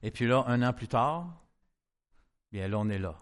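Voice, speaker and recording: There's slight background noise as a middle-aged pastor from Quebec recounts a sermon story testimony-style, voicing the dialogue himself with energy. His mid-range voice keeps a normal speed.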